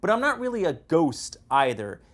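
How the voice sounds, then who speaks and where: An actor playing a flippant, wordy dead best friend haunting a coffee pot in a comedy drama. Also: male voice, a little high, wildly swooping pitch, moderate pace. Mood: glib, explaining. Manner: flippant, chatty, theatrically wordy. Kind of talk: comedic audio-drama dialogue.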